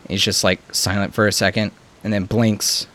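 A man's voice: on the low side, little pitch movement, moderate pace, fairly bright tone. A man narrating a tabletop role-playing game as game master, casually and with some swearing. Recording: clear background noise.

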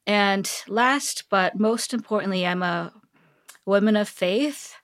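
This technology executive from Seoul, South Korea, is a middle-aged woman speaking as a guest on a podcast interview. She sounds conversational, slow and slightly bright at a medium pitch, and she laughs a lot.

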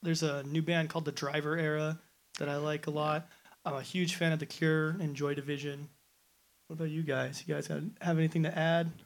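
A man's voice: on the high side, flat delivery, fairly quick, creaky. A nineteen-year-old man in a band, answering interview questions in an easygoing, rambling way. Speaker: band member, interview guest.

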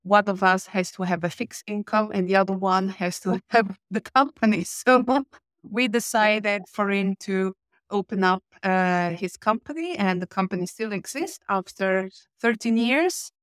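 In a podcast interview, a female guest who works as a change and communication manager explains things steadily, often pausing with "uh." She is a native Italian speaker from Switzerland and southern Italy, and her mid-range voice is recorded dry and close.

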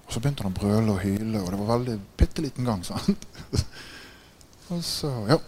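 A man preaching a sermon, telling stories with growing excitement, laughing often and checking in with listeners by asking "right?". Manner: gets louder and higher in excited passages. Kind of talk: sermon with animated storytelling.

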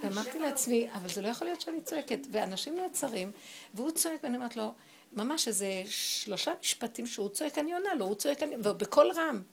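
Middle-aged female spiritual teacher, slightly high voice with fry, emphatic storyteller. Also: lively intonation. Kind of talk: spiritual talk with personal storytelling.

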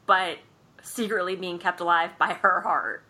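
A woman with a bright, clear voice tells a film's story in a relaxed, chatty way. She slips into quick little impressions of the characters and laughs as she goes. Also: lowish voice. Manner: animated storyteller, acts out characters' lines, laughs often. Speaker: podcast co-host recapping a film. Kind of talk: casual chat.

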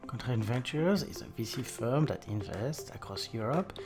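A man's voice: mid-range voice, lively intonation, moderate pace. A man hosting a podcast interview, upbeat and talking with frequent fillers. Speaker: podcast host.

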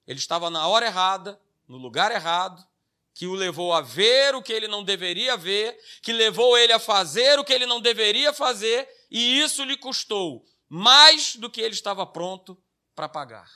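Bright, emphatic Brazilian male preacher. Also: high voice, expressive, moderate pace. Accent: Brazilian Portuguese. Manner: emphatic, repeats key phrases, frequent tag questions. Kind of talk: sermon.

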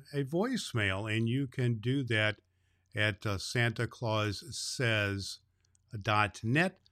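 A man playing Santa Claus as a jolly, grandfatherly old man, talking kindly and haltingly to children as host of a Christmas story show. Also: mid-range voice, fairly bright tone. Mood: gentle, explaining. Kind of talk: unscripted, folksy address to child listeners.

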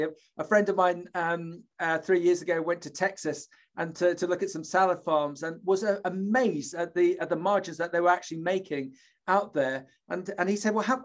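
A man from the UK hosting an interview, talking in a rambling, chatty way with many fillers and restarts. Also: high voice. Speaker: host, interviewer. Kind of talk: conversational interview.

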